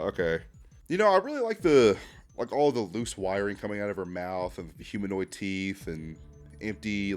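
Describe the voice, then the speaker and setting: A man hosting a casual reaction video, excitable and slangy, often saying "dude" and laughing as he talks. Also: sits low. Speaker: YouTube host ranking fan art.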